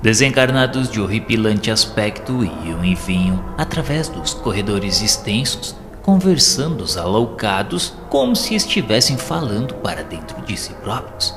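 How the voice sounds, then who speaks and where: Playing a solemn spirit narrator, a Brazilian-accented man with a lowish voice recounts the story in grave, compassionate, literary audio-drama fashion at a measured pace. Big pitch swings mark his grave, descriptive delivery, which echoes through a long hall reverb above clear music.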